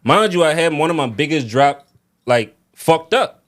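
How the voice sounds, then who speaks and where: A man speaks in a notably high register. His talk is casual and slangy, like venting among friends on a show. He leans on short repeated phrases to hammer each point home. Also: lively intonation, moderate pace, fairly bright tone. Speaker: music artist guest.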